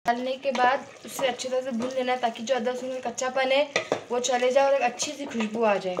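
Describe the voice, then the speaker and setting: A woman's voice: sits high, steady tone, brisk, background noise. A woman hosting a home cooking video, chatting casually as she goes through the ingredients step by step in her kitchen. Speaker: cooking channel host.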